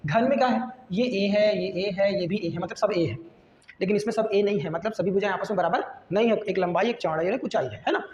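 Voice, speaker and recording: A man's voice: high voice, fast, a little mellow, dull audio, a little hiss or hum. A man teaching a math lesson, often putting a question to the class and then answering it himself. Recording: echoey room with long reverb.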